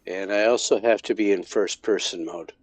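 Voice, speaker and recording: A man's voice: lowish voice, normal speed, husky. A man casually commenting on his gameplay as a streamer, thinking aloud with frequent restarts. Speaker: game streamer.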